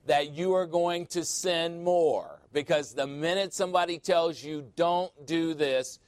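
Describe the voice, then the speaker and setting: A man's voice: fairly high pitch, a little slow, no room sound. A male pastor preaching a sermon in a church, joking and conversational with sudden emphatic swings.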